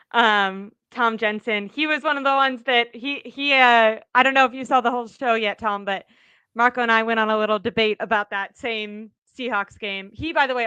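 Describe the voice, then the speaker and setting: Bright, upbeat woman chatting about football. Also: fairly high pitch, clear, resonant tone, no echo, lo-fi sound. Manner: chatty, upbeat, self-deprecating. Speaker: co-host. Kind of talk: casual sports chat.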